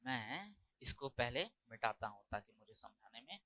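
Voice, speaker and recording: A man with an Indian accent teaching an English grammar lesson, explaining step by step and repeating words slowly for emphasis. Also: medium pitch, sing-song, pushed and bright, no echo, rough recording. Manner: explains step by step, voices student doubts himself. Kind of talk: classroom lecture.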